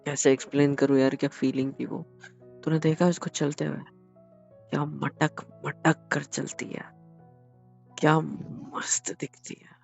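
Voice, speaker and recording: A man's voice: mid-range voice, little pitch movement, brisk, gravelly, dark tone, lo-fi sound, soft background music, natural voice. A man playing a flustered young husband in a comedy sketch, stammering out pleading excuses. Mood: sly.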